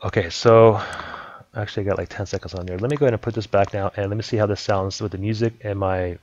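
Guy with a lowish mellow voice talking thru editing software, laid back, step by step. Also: quick pace, highs cut off, slight background noise. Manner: relaxed step-by-step explaining, repeats "let me go ahead". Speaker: software tutorial host. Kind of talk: casual screen-recording tutorial.

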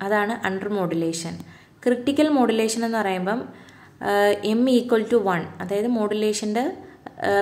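A woman with a Malayali accent teaching an exam-prep lesson, reading English definitions slowly, then explaining them in her own words. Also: medium pitch, dark tone.

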